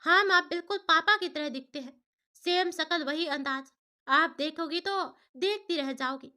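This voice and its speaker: Woman voicing an eager teenage daughter in a storybook, excited and affectionate. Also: extremely high pitch, measured pace, heavily acted.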